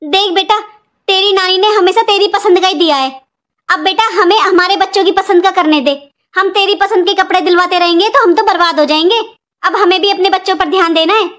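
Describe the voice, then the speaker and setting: Woman as a scolding, taunting aunt, very high voice, family drama. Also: a bit bright. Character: sharp-tongued maternal aunt scolding her niece.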